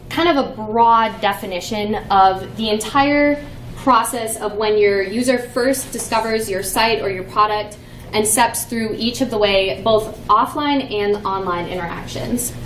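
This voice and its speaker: This time her voice sounds a little high and her pace is measured as the young conference speaker chats playfully, dropping plenty of fillers. The echoey conference room is recorded from afar, and there's slight background noise.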